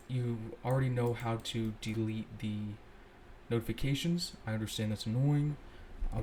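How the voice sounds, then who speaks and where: A man's voice: medium pitch, darkish tone, slight background noise. A young man casually walking through a coding tutorial, thinking aloud and correcting himself as he goes. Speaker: scripting tutorial host. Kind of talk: casual screen-recorded coding walkthrough.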